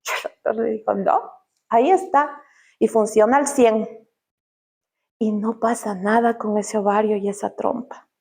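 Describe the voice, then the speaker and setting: Ecuadorian lady sharing her testimony at church, bit high-pitched, acts out the quotes. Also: fairly even intonation, normal speed, creaky, long pauses, a little mellow. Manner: heartfelt, acts out quoted dialogue in higher voice. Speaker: church visitor giving testimony. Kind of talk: spoken personal testimony.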